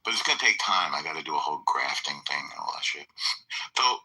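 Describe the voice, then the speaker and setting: A man's voice: rumbling low, animated, fast, sharp tone, husky, rough recording. A man with a lisp from a missing tooth, tongue sticking out as he talks, arguing combatively in a heated political debate and badgering with repeated questions.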